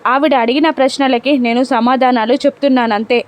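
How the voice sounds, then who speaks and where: Woman narrator as a stern young man, firm, high unaltered voice. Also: steady tone, fairly quick, natural voice. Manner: firm, forceful. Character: stern young man defending his mother.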